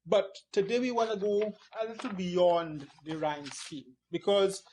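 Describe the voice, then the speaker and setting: A man with a high-pitched voice teaches poetry at an unhurried pace. He explains patiently and leans hard on single syllables to show where the stress falls. He marks up a board as he goes. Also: darkish tone, poor audio. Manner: annotates a board or screen as he talks.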